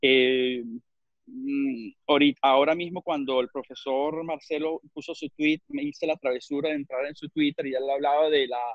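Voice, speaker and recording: A man's voice: a little high, fairly even intonation, no echo. A man from Venezuela with a Venezuelan accent, speaking as a webinar panelist and often stopping to search for words. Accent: Venezuelan Spanish. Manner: halting, searches for words with many repeats. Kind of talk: panel discussion on a video call. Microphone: video call. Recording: muffled video call audio.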